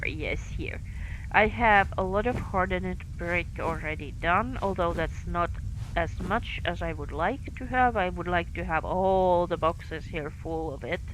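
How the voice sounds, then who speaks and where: A woman from Finland, speaking with a light Finnish accent, commentates her own live game stream from her home in France. Her voice is lowish and a bit bright, and she halts and uses fillers as she thinks aloud while playing. The audio is poor, with slight background noise.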